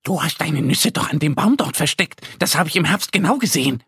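A man voicing a helpful little chaffinch in a children's audio story, talking quickly and matter-of-factly. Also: fairly high pitch, animated, vocal fry, fairly bright tone, husky, no echo, studio quality, voice pushed up, full character voice.

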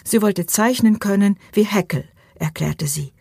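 A woman narrating an audiobook in a calm, even storytelling manner. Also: mid-range voice, a little slow, creaky, husky, no echo, clean studio sound. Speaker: audiobook reader.

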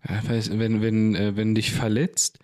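A young man from Bochum chats easily on a podcast. He sounds relaxed and agreeable, with a middling voice, and often ends his remarks with a questioning "ne?". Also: on the low side, unhurried. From Bochum, Germany. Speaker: podcast co-host. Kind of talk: casual chat.

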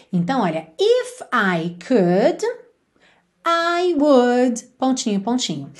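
A Brazilian woman teaching English, explaining patiently and repeating English phrases slowly and clearly. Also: medium pitch, a little mellow. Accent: Brazilian Portuguese. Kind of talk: English lesson for Portuguese speakers.

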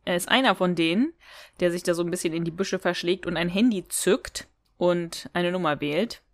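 A woman with a lowish voice co-hosts a podcast, chatting at a normal pace on a dry recording. She retells and reviews an audio drama episode in a casual, giggly way, acting out the quoted lines.

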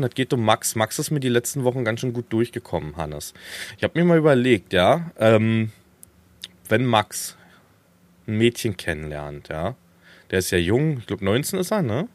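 A man's voice: mid-range voice, very animated, moderate pace. A man co-hosting a casual podcast, laid-back and teasing in conversation. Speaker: podcast co-host. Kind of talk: casual chat.

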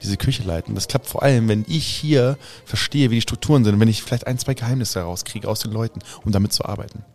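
A man playing a young man from a wizard family in a tabletop role-play, a scheming flatterer who rambles and restarts often. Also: lowish voice, fast talker, hardly any pauses, natural voice. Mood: persuading.

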